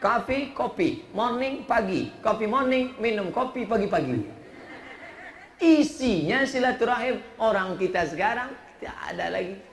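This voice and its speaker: Man, humorous preacher, high voice, roomy echo, faint background sound. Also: normal speed, slight background noise. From Riau, Indonesia. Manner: joking, lively storytelling with acted-out quotes. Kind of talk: humorous sermon to a congregation. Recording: echoey room.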